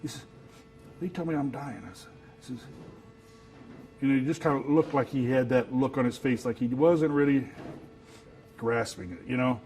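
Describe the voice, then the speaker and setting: A man, telling his story in an interview in a halting, soft-spoken way, filling his talk with "you know.". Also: medium pitch, soft background music, rough recording. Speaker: actor who works as Santa, telling his story.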